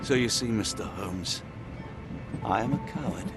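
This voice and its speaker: An earnest british gentleman doctor in a game cutscene, anxious, voice swings up and down, music under it. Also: fairly low pitch, unhurried. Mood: regretful, sombre. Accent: British English. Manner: earnest, expressive, formal. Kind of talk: dramatic video game cutscene acting.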